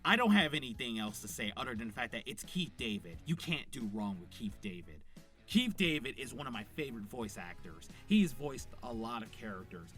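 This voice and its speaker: A man's voice: medium pitch, sing-song, a little fast, a bit bright, soft background music. A man who voices characters himself, giving enthusiastic, rambling unscripted commentary with plenty of fillers. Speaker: voice actor reviewing a show.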